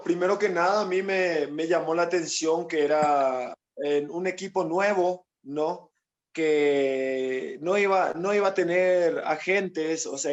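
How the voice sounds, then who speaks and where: A Paraguayan footballer, appearing as an interview guest, tells his story in long, rambling stretches, quoting others and tagging sentences with frequent "¿no?". His voice is fairly high, and the recording is muffled.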